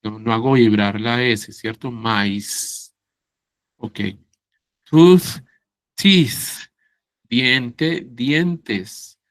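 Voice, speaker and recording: A man teaching English in an online class, explaining slowly and patiently and often checking that his students follow along. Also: mid-range voice, a bit bright, dry recording. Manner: slow, patient, checks understanding with "¿sí?" and "¿cierto?".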